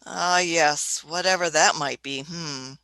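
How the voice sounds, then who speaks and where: A woman's voice: low-pitched, slow, bright, forceful tone, no echo, heavily acted. A woman voicing a fussy elderly Doctor who chuckles, hums and uses old-fashioned phrases in a radio play. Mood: testy. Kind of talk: amateur radio play acting.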